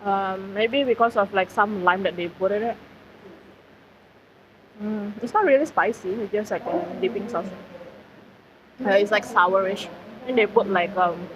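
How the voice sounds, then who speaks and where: This woman chats with her live-stream viewers while eating at a food centre, her mid-range voice measured and often paused, and her talk full of fillers as she answers the chat. The sound is a bit dull, and faint noise sits underneath.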